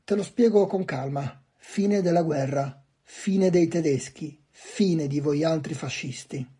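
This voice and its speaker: A man's voice: a little high, measured pace, dark tone, slightly rough. A man reading aloud, voicing a young woman who answers with flippant defiance. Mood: defiant. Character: young woman laughing off fear, mocking. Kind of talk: audiobook reading.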